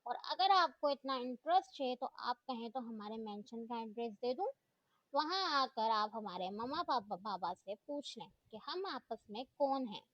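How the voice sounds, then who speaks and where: A woman voicing a stubborn, proud college girl who snaps back with sharp, haughty retorts. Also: high-pitched, lively intonation, measured pace, hardly any pauses, dry recording. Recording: dull dry lo-fi recording.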